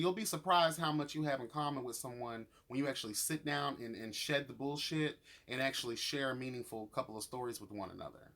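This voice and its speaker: On YouTube, a man reviews a reality show with casual, profane commentary, calling people honey and girl. His voice is on the high side and a bit bright, and his delivery is sassy, emphatic and full of slang.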